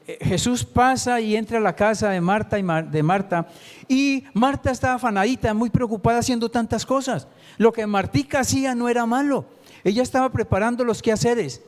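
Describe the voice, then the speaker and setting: A man's voice: very high voice, a little fast. A man, preaching a Sunday sermon as a lay preacher and putting rhetorical questions to the congregation.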